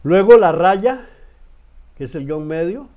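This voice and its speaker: A man's voice: high voice, lively intonation, slow pace, dark tone. A man teaching a writing workshop, explaining step by step with frequent hesitations and repeated words. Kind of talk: online class lecture.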